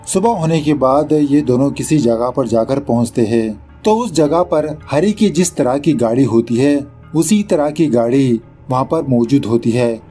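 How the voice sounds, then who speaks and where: A man with a dark, mid-range voice recaps a film in a casual, chatty voice-over. He slips English words into the story and mocks the director partway through.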